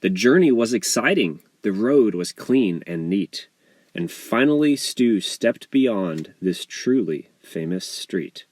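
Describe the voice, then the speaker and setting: A man reads his own children's book aloud, delivering scripted rhyming narration slowly and with animation. His voice is lowish and his storytelling is expressive and measured. The recording is dry.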